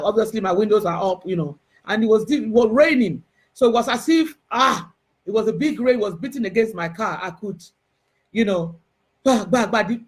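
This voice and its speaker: A spiritual herbalist with a Nigerian Yoruba accent tells a personal spiritual testimony. Her mid-range voice is slightly rough, and she speaks emotionally and haltingly, full of restarts and fillers.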